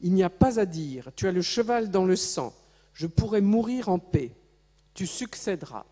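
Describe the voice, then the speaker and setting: Gruff elderly horse breeder, commanding, woman reading the part, long hall reverb. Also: medium pitch, lively intonation, moderate pace, dark tone, lightly acted. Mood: stern. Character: elderly male great-grandfather horse breeder, stern.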